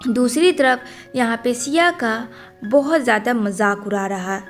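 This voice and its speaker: A woman narrating a movie story recap in a brisk storytelling manner. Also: a little high. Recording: faint background music.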